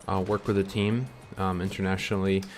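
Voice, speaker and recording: Young man, very low voice, rambling vlog talk, lots of ums, faint music behind. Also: flat delivery, a little fast. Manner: rambling, many ums and restarts, earnest; chewing candy while talking. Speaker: vlogger. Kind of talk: casual reflective monologue.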